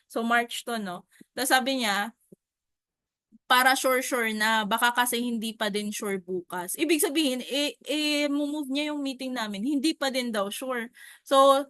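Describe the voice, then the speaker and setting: A young Filipino woman telling a story about her work with clients in a chatty, animated way, often turning to her viewers. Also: on the high side, measured pace, no echo. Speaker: insurance agent. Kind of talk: casual storytelling vlog.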